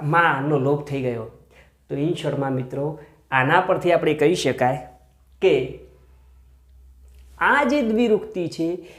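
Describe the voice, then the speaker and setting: A man's voice: on the high side, reverberant. A male school teacher giving a grammar lesson. He calls his listeners friends, asks questions and answers them himself, and stretches out key words.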